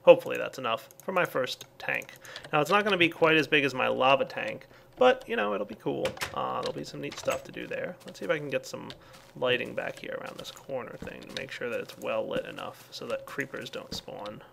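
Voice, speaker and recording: A man's voice: mid-range voice, lively intonation, brisk, creaky, background noise. A man casually commenting on his game as he plays, thinking aloud with lots of fillers. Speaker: let's play host.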